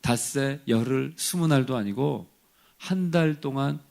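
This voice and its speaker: A man's voice: mid-range voice, unhurried, creaky, a little mellow. A male pastor preaching a dawn sermon in a conversational way, acting out the quoted complaints with a rise in voice.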